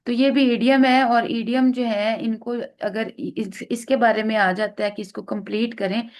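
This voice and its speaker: A woman's voice: a little high, fairly even intonation, moderate pace, darkish tone. A woman teaching exam vocabulary, explaining patiently with frequent fillers and restarts, mixing English terms into her speech. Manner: explains patiently, repeats words, many fillers; mixes English terms into Urdu-Hindi speech.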